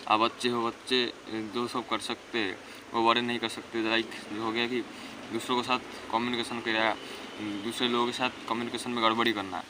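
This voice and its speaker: A man's voice: mid-range voice, little pitch movement, fairly quick, background noise. A teenage boy giving earnest, rambling self-improvement advice in a casual monologue. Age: teens. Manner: earnest, rambling, repeats himself.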